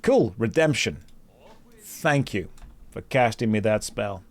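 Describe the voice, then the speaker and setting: This man speaks slowly in a fairly low, animated voice while gaming live for his audience. He jokes at his own expense and reads both viewer chat and quest text aloud in a casual way.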